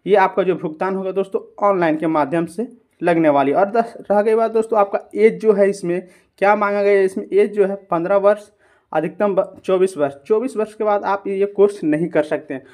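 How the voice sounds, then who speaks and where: Here the YouTube host sounds brisk and a little mellow, his voice sitting high. Talking viewers through a screen recording, he treats them as friends and raises questions only to answer them himself.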